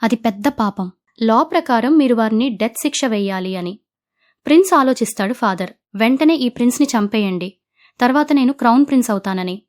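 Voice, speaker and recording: A woman's voice: fairly high pitch, brisk. Woman narrating a drama recap. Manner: steady storytelling, quoting characters in her own voice. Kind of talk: retelling a drama plot.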